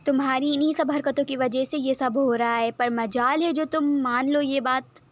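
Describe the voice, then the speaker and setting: A woman's voice: high-pitched, fairly even intonation, dry recording, lightly acted. A woman voicing a flustered young woman who scolds in an exasperated way.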